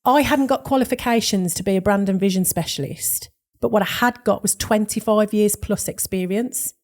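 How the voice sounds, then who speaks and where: A woman's voice: mid-range voice, moderate pace, darkish tone. A woman with a Birmingham accent, a brand specialist telling stories as a podcast guest and acting out the dialogue she quotes. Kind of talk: podcast interview.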